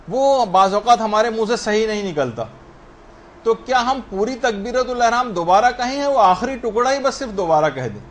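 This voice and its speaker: A high-voiced man, with a bit of hiss or hum behind him, teaches the rules of prayer in a religious lesson. His manner is explanatory: he asks and answers questions himself and slowly spells out correct pronunciation.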